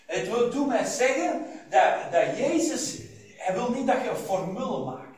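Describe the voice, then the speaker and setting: A man's voice: very high-pitched, expressive, measured pace, darkish tone. A man preaching a sermon, speaking to sisters by name and dropping frequent amens. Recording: echoey hall, mic at a distance.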